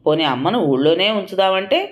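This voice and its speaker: List: woman storyteller voicing a young daughter-in-law, sarcastic, blunt, low voice. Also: lively intonation, fast, natural voice. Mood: defiant, sarcastic. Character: sharp-tongued young daughter-in-law, defiant.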